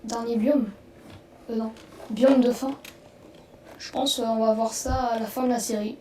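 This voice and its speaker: A woman narrating her own gameplay in a rambling, excitable way, breaking into swearing whenever she panics. Her voice sits a little high and is picked up from some distance in a roomy space, with clear noise underneath. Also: a little slow. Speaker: gaming video host. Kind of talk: let's play commentary. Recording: roomy, distant mic, noisy background.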